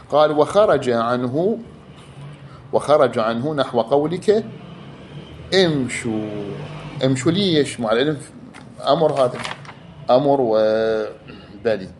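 A man's voice: mid-range voice, a little mellow, a little hiss or hum. A man teaching a class, explaining step by step, repeating key words and drawing out examples. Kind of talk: explanatory lecture.

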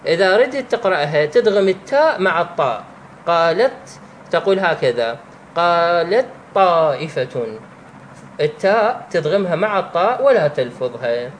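A man with an Iraqi Arabic accent teaching the rules of Quran recitation, drawing out each example slowly and pausing to restart his sentences. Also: high voice, big pitch swings, a little hiss or hum. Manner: slow, drawn-out recitation of examples; halting, with restarts and fillers. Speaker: religious teacher.

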